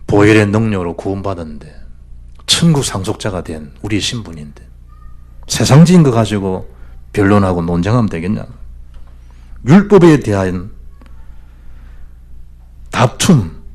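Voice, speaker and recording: Animated Gyeongsang pastor preaching. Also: male voice, lowish voice, moderate pace, long pauses. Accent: Gyeongsang Korean. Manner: animated, swings between loud exhortation and hushed asides. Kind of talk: sermon. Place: church.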